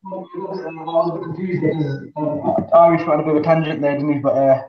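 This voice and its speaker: Read as a casual podcast co-host, a hesitant man full of ums, who sounds like he's talking from inside a well through a dull laptop speaker, a touch high. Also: fairly even intonation, brisk, crowd noise. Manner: hesitant, lots of ums and uhs. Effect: hollow, muffled sound, as if from inside a well. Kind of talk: casual boxing podcast chat. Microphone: laptop on speaker, no headphones. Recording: echoey, dull lo-fi call audio.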